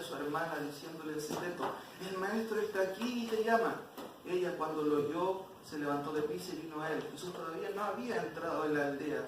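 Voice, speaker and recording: A man teaching an expository Bible class, often asking the class questions. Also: a little high. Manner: questions the class, frequent "¿cierto?". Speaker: Sunday school teacher. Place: church hall. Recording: very echoey church hall from far off, noisy.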